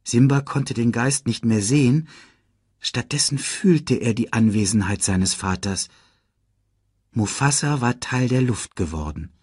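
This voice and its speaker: A man reading a children's storybook aloud in an expressive, dramatic way. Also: mid-range voice, a little slow, breathy edge, dry recording, studio quality. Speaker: audiobook narrator.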